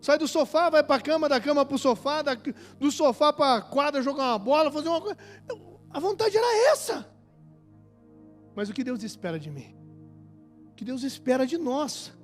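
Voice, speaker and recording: High-voiced, impassioned preacher man. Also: lively intonation, fairly quick. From Brazil. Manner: impassioned, swings from hushed to shouting. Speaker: pastor. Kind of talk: sermon. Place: large church hall at a conference. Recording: hall reverb with music under it.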